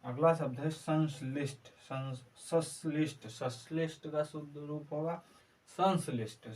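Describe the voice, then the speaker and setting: A man teaching an exam-prep Hindi class, slowly repeating each word several times in a spelling drill. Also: a little high, fairly even intonation, a little mellow. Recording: distant mic with faint background noise.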